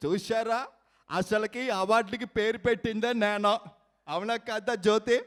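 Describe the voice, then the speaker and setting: A man doing high, bright rapid-fire impressions. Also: steady tone. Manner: rapid switching between impersonated voices. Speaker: mimicry artist. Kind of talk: stage mimicry performance. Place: stage at an awards function.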